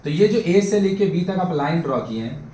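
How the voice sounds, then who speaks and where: A man's voice: a little high, expressive, moderate pace, warm tone. A man teaching a math lesson to a class, chatty and often checking that the students follow. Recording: echoey classroom, faint background noise.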